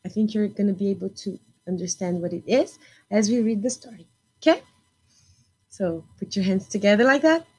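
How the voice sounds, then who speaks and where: A woman in her thirties hosts a children's storytime, reading expressively in simple, deliberate phrases. Her voice is medium in pitch with a breathy edge.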